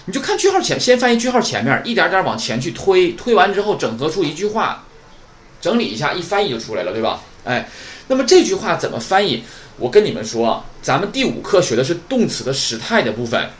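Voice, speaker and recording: A man's voice: fairly high pitch, a little hiss or hum. A man from northeast China who teaches Japanese grammar in a podcast lesson, often asking the listeners questions and then answering them himself.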